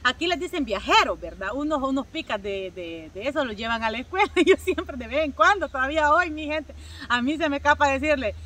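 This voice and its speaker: A Salvadoran woman with a high, bright voice tells a casual story straight to her viewers, using many filler words and calling them her people. She sits a little back from the mic, so her voice sounds slightly distant. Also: lively intonation, a little fast, a little hiss or hum. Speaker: vlogger.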